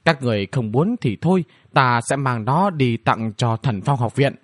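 A man's voice: medium pitch, expressive, moderate pace, dry recording, clean studio sound, lightly acted. A man voicing a bratty, mischievous young girl princess who taunts and whines in a cheeky way. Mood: pleading. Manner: cheeky, whiny, provocative.

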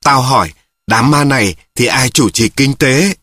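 A man reading the lines of a blunt, crude old male cart driver, slow and gruff, with a husky voice. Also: mid-range voice, a bit bright, dry recording, studio quality.

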